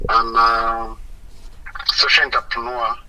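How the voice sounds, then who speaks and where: A man from Rwanda introducing himself as a social entrepreneur, reflective with small pauses. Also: medium pitch, little pitch movement, heavy background noise. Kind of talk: personal self-introduction. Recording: bright voice recorded from a distance.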